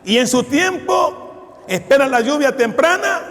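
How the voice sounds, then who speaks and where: Male pastor, 60s, very high voice, fervent sermon in a church hall with long reverb. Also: expressive, measured pace, fairly bright tone. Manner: fervent preaching, addresses listeners as brother; tells stories with quoted dialogue.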